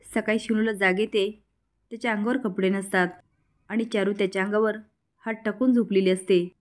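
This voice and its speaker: A woman narrating a dramatic serial episode in a brisk storytelling manner, reading out all the dialogue. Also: mid-range voice, fairly even intonation. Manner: brisk storytelling, reads out every line of dialogue.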